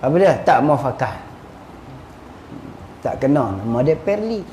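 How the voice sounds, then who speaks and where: Lively male religious teacher. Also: medium pitch, a little slow. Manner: animated, acts out little dialogues with laughs. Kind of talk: traditional religious lesson. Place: religious school hall. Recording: echoey room with faint noise.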